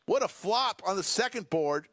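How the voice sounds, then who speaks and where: A man's voice: high-pitched, animated, moderate pace, a bit bright, no echo. A man giving live play-by-play commentary on a poker game, steadily announcing bets and cards.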